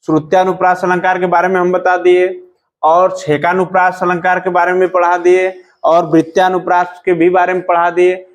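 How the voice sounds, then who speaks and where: A man with a fairly high voice gives a grammar lesson in a patient classroom manner. He keeps asking the students questions and answering them himself, calling them "beta", and slows to a measured recitation whenever he reads lines of verse. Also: monotone. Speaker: Hindi grammar teacher.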